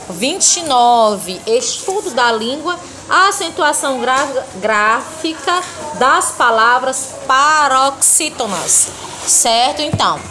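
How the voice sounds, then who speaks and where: A woman's voice: high voice, sharp tone, a little hiss or hum. A Brazilian woman teaching a recorded primary school Portuguese class. She reads word lists aloud patiently and keeps checking in with her pupils. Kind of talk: recorded online class walkthrough.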